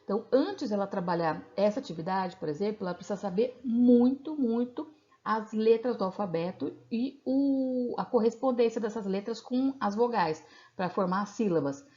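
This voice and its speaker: In a recorded video lecture, a woman teacher with a Brazilian accent patiently explains a lesson, often checking in with little tag questions. Her mid-range voice is warm and moves at a moderate pace. The recording is slightly dull and lo-fi.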